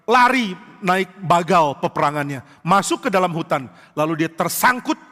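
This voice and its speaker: A male pastor delivers an emphatic sermon, leaning on rhetorical questions and slipping into the voices of the people he quotes. His voice sits fairly high for a man. The sound carries the long reverb of a church hall. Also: animated, moderate pace, sharp tone.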